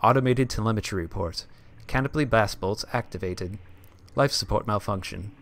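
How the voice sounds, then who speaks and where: A man doing a flat robot ship computer. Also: lowish voice, moderate pace, a little hiss or hum. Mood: mechanical. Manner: flat, clipped, mechanical delivery. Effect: robot voice, done with the mouth. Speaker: game streamer.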